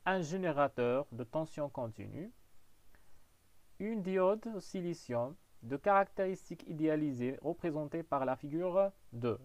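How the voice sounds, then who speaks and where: A physics teacher, giving a classroom lesson and explaining step by step, often saying "donc" and "voilà". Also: male voice, fairly high pitch, no room sound. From Morocco.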